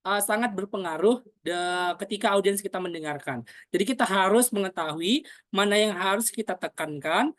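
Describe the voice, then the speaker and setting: A woman explains public speaking technique in a relaxed, filler-heavy teaching voice, peppering her phrases with "nah" and "eh". She stops to act out example sentences and to ask questions in the name of "Coach". Her voice sits mid-range and sounds close and dry, with no room echo. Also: mid-range voice. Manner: demonstrates example lines aloud; poses questions to herself as "Coach". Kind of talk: spoken training lesson.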